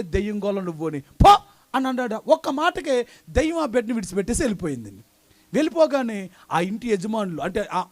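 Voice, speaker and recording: A man preaching a live sermon who keeps asking the congregation questions and swings between loud calls and quiet asides. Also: extremely high pitch. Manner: asks the congregation question after question. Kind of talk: live sermon with call-and-response.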